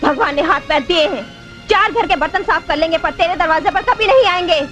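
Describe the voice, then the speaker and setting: A woman's voice: extremely high pitch, a little fast, fairly bright tone, faint music behind. An actress playing a devoted young woman who pleads tearfully and defiantly in film dialogue.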